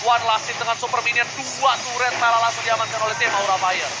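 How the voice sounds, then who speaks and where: An Indonesian man shoutcasts esports like a hyped fighting game announcer. His voice is pitched very high, with dramatic calls that stretch out in excitement. Clear noise runs behind him. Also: fast talker. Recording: loud background noise.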